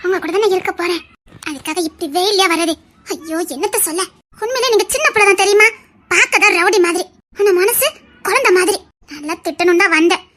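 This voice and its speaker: Speaking with a Tirunelveli Tamil accent, a woman portrays Anandhi, a doting young lover in a web series drama who fusses and scolds him with affection. Her voice is very high, brisk, and sharp-toned.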